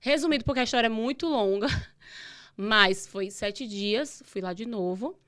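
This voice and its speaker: A young woman, a podcast guest telling a long personal story in a casual, animated way. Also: fairly high pitch, a little slow. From Brazil. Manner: animated, acts out dialogue in her retelling.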